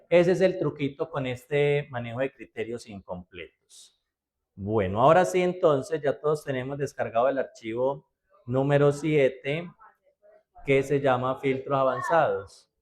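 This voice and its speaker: A man teaching a spreadsheet class, explaining step by step in a patient way and often checking that his students follow. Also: mid-range voice. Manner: patient, step by step, checks understanding with frequent "¿cierto?". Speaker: computer class instructor.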